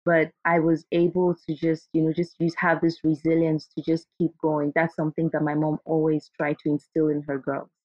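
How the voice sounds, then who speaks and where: A woman's voice: deep voice, monotone, normal speed, few pauses, darkish tone, dry recording, muffled recording. A woman from Zimbabwe, a guest in an interview, talking candidly and restarting her sentences. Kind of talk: conversational interview.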